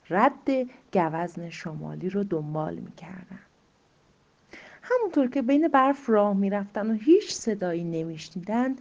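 A woman's voice: mid-range voice, darkish tone. Woman telling a suspenseful story in whispers. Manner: slow suspenseful reading, drops to whispers. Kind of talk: dramatic story narration. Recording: muffled lo-fi recording.

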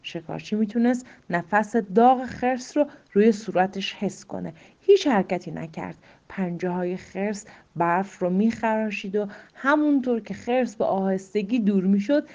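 A woman narrating a story slowly and suspensefully, often dropping to a whisper. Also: mid-range voice, mellow. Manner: slow suspenseful reading, drops to whispers. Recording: muffled lo-fi recording.

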